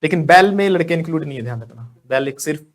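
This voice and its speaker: A man with an Indian English accent runs a spoken English class. He talks lively and jokes, and he calls on students by name to answer. His voice sits fairly high for a man. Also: fast talker. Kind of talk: live classroom lesson.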